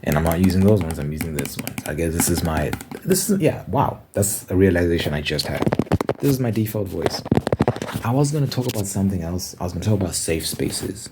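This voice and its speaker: In a bedroom with a window, a Zimbabwean man who hosts an ASMR channel speaks casually to camera, thinking aloud, rambling and correcting himself. His voice sits low, with lively intonation and a brisk pace, over heavy background noise.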